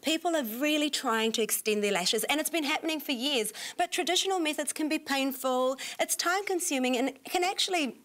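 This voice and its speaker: A woman with a high voice presents on a shopping channel. She gushes over the products in an emphatic live sales pitch, as one of two studio hosts. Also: a little fast, hardly any pauses, a bit bright. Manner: gushing, emphatic sales talk.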